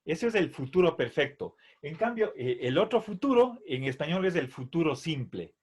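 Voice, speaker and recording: A man's voice: fairly high pitch, very animated, a little mellow, husky. A middle-aged man teaching a Latin grammar lesson, patiently explaining and repeating verb forms, checking in with "¿sí?" after each point. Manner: drills verb forms slowly, syllable by syllable. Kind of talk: slow classroom explanation.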